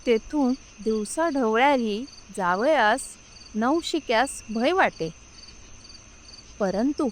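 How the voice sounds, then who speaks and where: A woman narrating a scripted story in a slow, measured, solemn reading. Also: on the high side, slight background noise.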